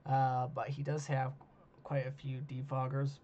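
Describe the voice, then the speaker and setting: A man hosting a solo monologue, talking casually with many ums and uhs, losing his voice and clearing his throat. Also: mid-range voice, completely flat delivery, a little slow, a little mellow. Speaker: host. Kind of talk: solo monologue ranking teams. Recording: dull lo-fi mic with faint hiss.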